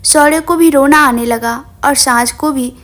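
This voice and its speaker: A woman storyteller reading a tender drama with an expressive, emotional delivery. Her voice sits high and keeps a steady storytelling flow. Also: unhurried. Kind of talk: scripted story narration.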